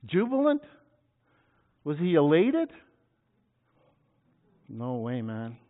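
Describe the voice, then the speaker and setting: Tinny-sounding preacher, dramatic swings. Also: male voice, fairly high pitch, wildly swooping pitch, slow. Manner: dramatic, shouting scripture at peaks. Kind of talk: sermon.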